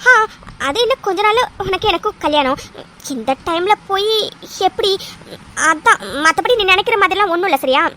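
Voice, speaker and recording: A woman's voice: very high-pitched, lively intonation, a little fast, sharp tone, a little hiss or hum, exaggerated voice. A woman voicing a playful young woman engaged to be married, teasing and affectionate in a cartoon dub. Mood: flustered. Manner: teasing and affectionate, fond of exclamations.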